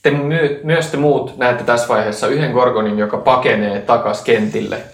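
A man at mid pitch leads a tabletop game as game master. His narration is calm and descriptive, with filler sounds between phrases. The room around his voice is echoey.

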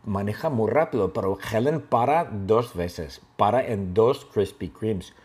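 A man telling a simple story for language learners, lively and playful, with his own sound effects. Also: on the low side, unhurried. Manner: animated, makes gun sound effects. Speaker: language teacher.

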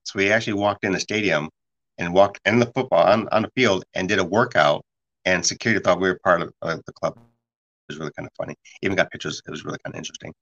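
A man hosting a casual conversation, telling stories in a rambling, lively way full of restarts. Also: deep voice, quick pace, gravelly. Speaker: podcast host. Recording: dull lo-fi sound.

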